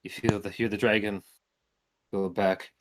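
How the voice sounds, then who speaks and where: A man narrating a tabletop game as game master in an informal, halting storytelling way. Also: lowish voice, little pitch movement, slight background noise, low-quality recording.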